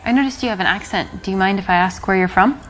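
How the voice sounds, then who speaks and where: A woman's voice: medium pitch, quick pace, a little hiss or hum, low-quality recording. A young woman, giving brief, polite, reserved answers in a casual chat. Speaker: woman approached in a café.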